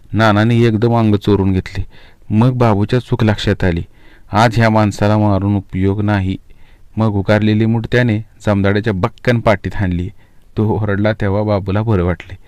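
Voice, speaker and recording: Low, smooth-voiced male Marathi storyteller. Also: dry recording. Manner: expressive, village dialect for characters' dialogue.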